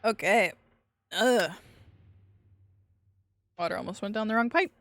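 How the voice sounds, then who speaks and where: A woman's voice: mid-range voice, measured pace, fairly bright tone, no room sound. A young woman streaming a video game, joking, swearing casually and reading the game's text aloud. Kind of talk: casual gameplay commentary.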